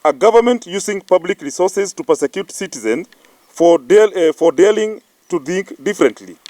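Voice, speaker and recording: Male party spokesman, Kenyan accent, raised pitch, very dry sound, declamatory press-statement read with stumbles. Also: lively intonation, dark tone, dry recording. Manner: halting delivery, stumbling over words. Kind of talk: reading a political press statement.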